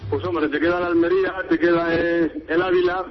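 Guy in his 50s, madrid accent, kinda high voice, chatty and relaxed, muffled radio sound. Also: a little fast, faint music behind. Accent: Madrid Spanish. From Madrid, Spain. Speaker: football sports director, interview guest. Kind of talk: radio interview conversation.

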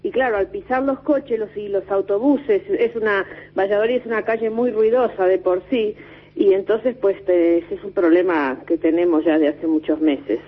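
A woman's voice: medium pitch, fairly even intonation, normal speed, husky. A woman calling in over the phone to a radio show, explaining a complaint in a rambling, hesitant way. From Spain. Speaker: radio caller. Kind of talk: phoning in a complaint. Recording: tinny phone line on radio.

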